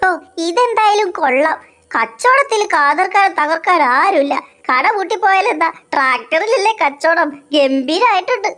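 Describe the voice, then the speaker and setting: Woman doing an excitable cheeky little boy. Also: very high voice, normal speed. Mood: chatty.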